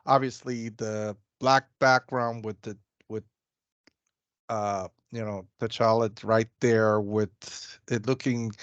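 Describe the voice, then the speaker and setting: A man's voice: lowish voice, dry recording, dull audio. A man co-hosting a casual video chat, talking enthusiastically and rambling with restarts. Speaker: co-host, comics sales.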